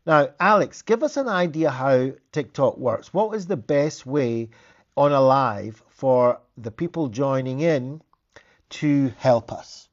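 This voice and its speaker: A man's voice: medium pitch, expressive, takes it slowly, dull audio. A man, a therapist hosting a casual live stream, talking in a chatty, rambling way with frequent restarts.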